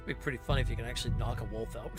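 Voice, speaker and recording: A man's voice: medium pitch, fairly even intonation, rapid-fire. A man giving casual gameplay commentary as a streamer, muttering loose, offhand remarks. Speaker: game streamer. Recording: loud game music over voice.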